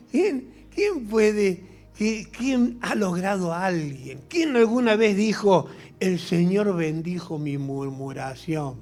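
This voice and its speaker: Animated middle-aged Argentine pastor preaching. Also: male voice, high voice, slow. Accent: Argentine Spanish. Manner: animated and humorous, acting out little scenes. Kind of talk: sermon.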